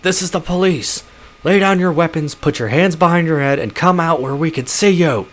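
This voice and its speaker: A man's voice: on the high side, moderate pace, voice pushed up, natural voice. A man voicing a stern male police officer giving orders in a game. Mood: commanding. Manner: commanding.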